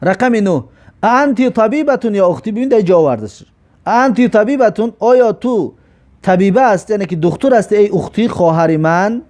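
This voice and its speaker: Man, grammar teacher, high pitch, warm dark tone, slow careful reading of examples. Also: animated. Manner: explains step by step, asks and answers his own questions, reads examples slowly. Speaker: Arabic teacher. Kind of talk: classroom grammar lesson.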